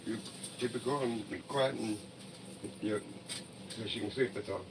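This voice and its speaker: A man's voice: on the low side, fairly even intonation, moderate pace. A man talking in a rambling, placating way. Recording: distant mic with loud noise.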